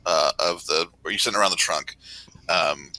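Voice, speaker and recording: Bright-voiced man running a tabletop game. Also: low-pitched, moderate pace, low-quality recording. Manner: hesitant, filler-heavy narration. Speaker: game master.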